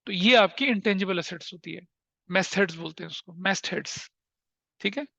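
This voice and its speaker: A man's voice: sits high, a little slow, gravelly, no room sound. A man teaching a class, telling stories with energy and asking his students questions. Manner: animated storytelling, asks the class questions. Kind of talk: classroom lecture.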